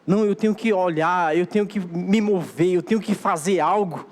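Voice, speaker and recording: A man's voice: high voice, moderate pace. A Brazilian Portuguese-speaking man preaching a sermon as pastor, exhorting his church in a repeating, emphatic cadence. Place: church sanctuary. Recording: long hall reverb of a church.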